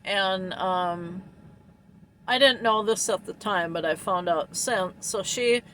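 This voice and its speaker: A woman's voice: mid-range voice, takes it slowly, fairly bright tone, a little hiss or hum, rough recording. A woman truck driver casually telling a story, rambling with lots of ums and little laughs.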